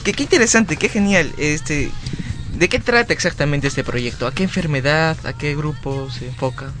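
A man's voice: fairly high pitch, normal speed, over music. A man interviewing guests on a radio show, enthusiastic and friendly.

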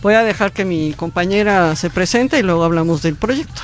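A woman, a visiting professor, introducing her project as a radio guest, pausing with fillers. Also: on the low side. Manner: hesitant, many fillers. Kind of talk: radio interview.

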